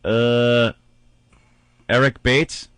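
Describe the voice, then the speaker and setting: American man, bright-voiced radio co-host. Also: medium pitch, little pitch movement, drawn-out words, smooth, no room sound. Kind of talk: casual comedic radio banter.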